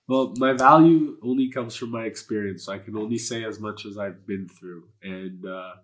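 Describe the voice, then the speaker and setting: Speaking at a moderate pace, this Canadian guest, a native Polish speaker, gives candid personal interview talk in a low, fairly bright voice. He comes across as earnest and spiritual, rambling along with lots of fillers and swearing.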